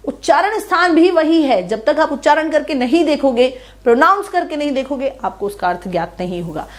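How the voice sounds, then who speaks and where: A young woman teaching an online class in a high, clear voice. She says each sound slowly, one at a time, and keeps asking her students whether it makes sense. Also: lively intonation. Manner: explains patiently, checks understanding with repeated questions. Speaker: online tutor. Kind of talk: classroom grammar lesson.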